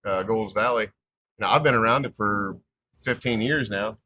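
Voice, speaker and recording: A man's voice: lowish voice, moderate pace, pushed and bright, a little hiss or hum. A man hosting a podcast, asking curious follow-up questions in casual chat. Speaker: podcast host.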